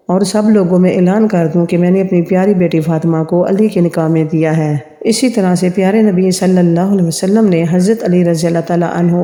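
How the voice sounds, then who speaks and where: A narrator telling a religious history story in a steady, reverent scripted narration. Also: mid-range voice. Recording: reverberant, echoey room with long tail.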